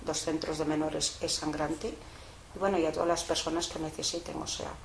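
An older woman being interviewed, telling a story in a casual, lively way with lots of fillers. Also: low voice, brisk, vocal fry. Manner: colloquial, lively retelling with frequent fillers. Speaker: interviewee, mother of a prisoner. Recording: echoey room, faint background noise.

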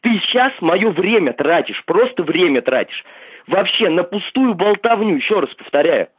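A man's voice: high voice, very animated, moderate pace, slightly rough, no echo. A man heard over a landline phone, answering bluntly and insisting on the same point again and again. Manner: blunt, insistent, keeps repeating himself. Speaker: call recipient. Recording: tinny, dry phone line.

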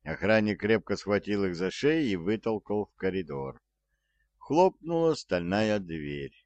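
A man narrating an audiobook in a slow, measured reading. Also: fairly low pitch, big pitch swings, darkish tone, dry recording.

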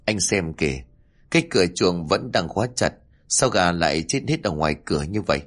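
A man voicing a frightened young wife in a spoken ghost story, speaking in a raised, hurried voice. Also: fairly low pitch, lively intonation, slightly rough. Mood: fearful.

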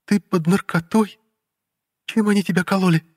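A man's voice: high voice, steady tone, moderate pace, no room sound, clean studio sound, pitched above the performer's own voice. A man reading a novel aloud, voicing a bitter, tearful ex-wife whose voice trembles with scorn. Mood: scornful. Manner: scornful, sharp, trembling with anger. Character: bitter tearful ex-wife, woman in her thirties.

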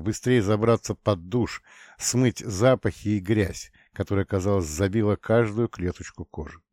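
Guy reading an audiobook, lowish voice, dry close sound, steady. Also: dry recording. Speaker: narrator. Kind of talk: audiobook narration.

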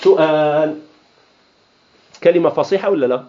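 A man's voice: fairly high pitch, normal speed, mellow. A man with an Algerian accent teaching a class on Arabic grammar, asking questions and answering them himself, and mixing classical Arabic with dialect. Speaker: Islamic studies teacher. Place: lecture hall of an association. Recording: dull lo-fi lecture recording.

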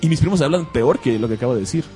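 A man's voice: medium pitch, expressive, very fast, mellow. A chatty Mexican man hosting an online radio show about comics. He jokes and laughs easily as he talks, and faint music plays behind him. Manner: chatty, jokey, laughs often. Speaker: radio host.

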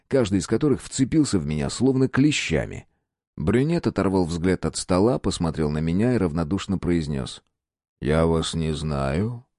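A man reading a first-person audiobook in an expressive, lively manner. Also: fairly low pitch, dry recording, studio quality. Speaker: audiobook narrator.

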